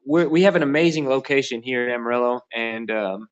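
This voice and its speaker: A man's voice: medium pitch, fairly quick, clean tone, lo-fi sound. A man chatting as a guest on a live show, eager and folksy, with lots of fillers. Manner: enthusiastic, folksy, many fillers. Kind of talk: casual live show chat.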